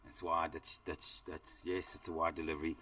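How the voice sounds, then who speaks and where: South african guy calling a cricket match, really low voice, kinda rambly, sounds a bit far off the mic. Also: flat delivery, normal speed, pushed and bright. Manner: chatty, rambling, lots of fillers. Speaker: cricket commentator. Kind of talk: live cricket commentary.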